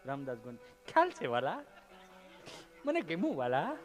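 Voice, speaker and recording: A man voicing a soft-hearted male doctor who coaxes and comforts a patient. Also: fairly high pitch, huge pitch swings, normal speed, faint music behind, voice pushed down. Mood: consoling. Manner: tender, coaxing, pleading.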